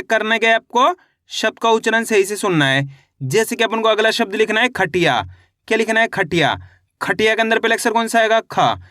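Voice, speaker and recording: A man teaching Hindi reading in an online lesson, sounding out each syllable slowly and repeating each finished word lower and firmer. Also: bright, forceful tone, no room sound, clean studio sound.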